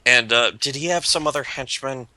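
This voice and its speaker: A man's voice: mid-range voice, normal speed, sharp tone, no echo. A man chatting casually as a podcast host, rambling and profane with lots of restarts. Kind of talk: casual chat.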